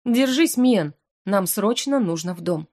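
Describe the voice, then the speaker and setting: A woman's voice: medium pitch, animated, a little slow, a little mellow. A woman reading the lines of a teasing, seductive male incubus professor in an audiobook, with a purring, playful manner.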